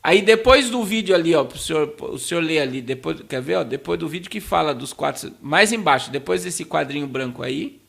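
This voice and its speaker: A man with a Brazilian Portuguese accent gives informal commentary to viewers as a pastor, in a halting way that repeats words. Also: on the high side, animated, gravelly, fairly bright tone. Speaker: pastor hosting a talk show.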